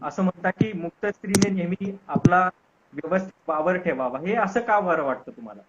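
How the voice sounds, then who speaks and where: A man's voice: high voice, normal speed, lo-fi sound, very noisy. A man hosting an interview, asking polite, hesitant questions with filler sounds. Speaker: interview host.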